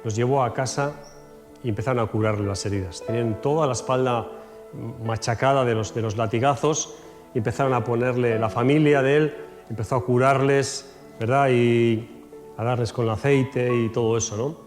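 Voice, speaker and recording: Lively storytelling pastor in a church hall. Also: male voice, medium pitch, moderate pace. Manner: acts out Bible scenes in quoted voices, shouts and laughs. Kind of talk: storytelling sermon. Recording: echoey church hall with faint music.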